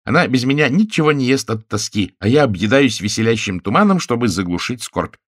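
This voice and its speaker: A man's voice: mid-range voice, animated, brisk, no echo, clean studio sound, voice pushed up, natural voice. A man voicing a jolly plump alien husband who clowns around and sings out of tune. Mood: jovial. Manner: boisterous, sing-song.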